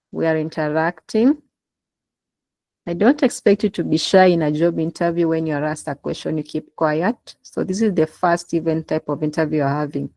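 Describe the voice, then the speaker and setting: Woman, instructor, low pitch, dark mellow tone, dry close sound, video call. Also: no echo, poor audio. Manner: encouraging, prompting participation. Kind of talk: online class session. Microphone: laptop in a video call.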